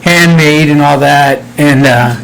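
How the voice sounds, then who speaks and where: A gravelly, somewhat bright voice on the high side belongs to a man in his fifties who takes his time while joking sarcastically as a podcast co-host. Recorded on a home-studio computer mic, the audio is low quality with a little hiss or hum.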